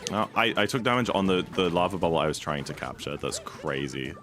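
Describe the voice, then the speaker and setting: A male streamer with a very deep voice that still swings lively up and down as he rambles. He chats casually with his viewers mid-run, piling on fillers. Faint game music plays under him. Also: brisk. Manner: rambling, filler-heavy, chatty, reads and answers chat. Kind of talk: casual live-stream chat while speedrunning.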